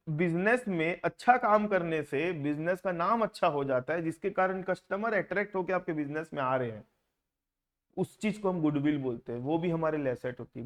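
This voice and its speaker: A man with a slightly high voice lectures a classroom of students in Hindi. He keeps asking them questions and slips English terms into his explanations. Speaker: accounting teacher.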